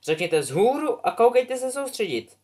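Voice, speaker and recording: Dude doing a bossy lady teacher, high and loud, snapping orders. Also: sing-song, exaggerated voice. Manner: loud, impatient commands. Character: brisk bossy female flying teacher.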